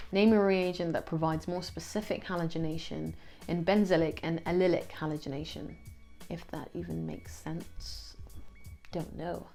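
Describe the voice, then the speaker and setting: Woman tutor, low and creaky voice, steady question-and-answer revision read, dry asides. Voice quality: gravelly, creaky voice.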